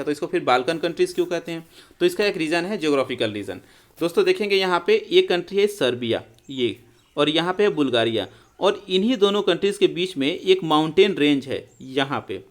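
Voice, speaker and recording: A male teacher, giving an explanatory history lecture and often calling his students friends. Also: fairly high pitch. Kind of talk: classroom lecture.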